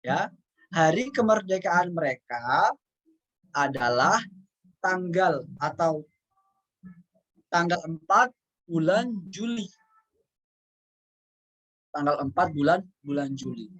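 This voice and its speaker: Guy explaining a lesson, says stuff twice, reads examples real slow. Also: on the high side, a bit bright, low-quality recording. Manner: explains patiently, repeating words and example sentences; reads English examples out slowly. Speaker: English teacher. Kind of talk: casual spoken lesson.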